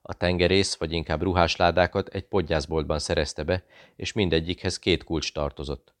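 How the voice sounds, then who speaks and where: Brief: male narrator, very deep voice, dry close-miked read. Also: steady tone, no room sound. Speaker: audiobook narrator. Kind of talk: scripted audiobook narration.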